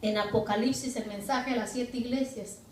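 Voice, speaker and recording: A woman's voice: on the high side, fairly even intonation, moderate pace. A woman pastor preaching a sermon emphatically, asking rhetorical questions and acting out what people say. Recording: echoey room, far from the mic.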